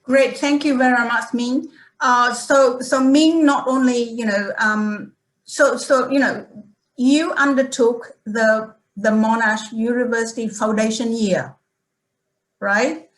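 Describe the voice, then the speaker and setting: A woman moderating an online student panel, speaking haltingly with many fillers and restarts over a video call. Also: fairly high pitch, fairly even intonation. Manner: halting, strings of "you know" and restarts. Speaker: webinar host. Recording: roomy echo.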